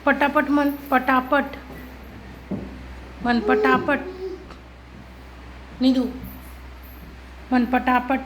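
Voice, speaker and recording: A woman with a high, bright-pitched voice speaks slowly and patiently, coaxing a toddler. She repeats each instruction gently and keeps nudging the child along. She records on a phone at home. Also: fairly even intonation, a little hiss or hum, poor audio. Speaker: parent filming a toddler. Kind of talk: coaxing a small child on camera. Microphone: phone camera.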